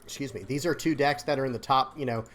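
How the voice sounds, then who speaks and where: A man in an easygoing, unscripted commentary, voice sitting at an ordinary middle pitch. He talks in a loose, rambling way, stumbling over repeated words and circling back to rephrase. His tone is earnest and a little apologetic, like he's making a heartfelt case to his viewers. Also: fast, a bit bright. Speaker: card game content creator. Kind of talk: casual opinion commentary.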